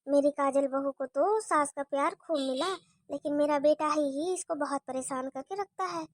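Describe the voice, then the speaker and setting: A woman's voice: high voice, moderate pace, no echo, clean studio sound, lightly acted. A woman voicing a fond, worried older mother-in-law in a cartoon story, fussy and chatty.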